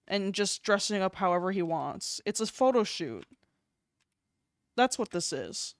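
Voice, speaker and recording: A woman's voice: mid-range voice, no echo, studio quality. Giggly young woman streamer chatting. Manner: chatty, giggly, swears casually. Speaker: streamer and artist. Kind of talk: casual live-stream chat while drawing.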